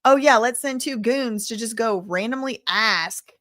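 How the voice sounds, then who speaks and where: In an unhurried, higher-pitched, fairly bright voice, the American host from Louisiana reads viewer messages and answers them with colloquial sass on her relaxed stream. It's a dry, clean studio recording.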